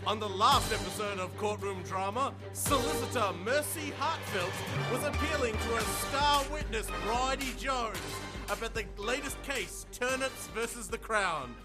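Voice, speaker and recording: A man's voice: extremely high pitch, unhurried, few pauses. A man hosting as a playful, theatrical announcer for a mock comedy broadcast. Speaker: announcer, host. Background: music.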